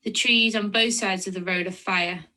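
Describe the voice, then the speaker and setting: A woman's voice: medium pitch, fairly even intonation, normal speed, pushed and bright. A woman from England with a Lancashire accent, a poet introducing and reading her own work. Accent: Lancashire English. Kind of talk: poetry reading with spoken introduction.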